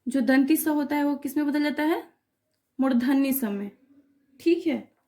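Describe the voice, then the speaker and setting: Slow, high-voiced woman teaching grammar. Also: a little mellow. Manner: patient, repeats checks like "clear?" and "okay". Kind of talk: Hindi grammar lesson for exam students.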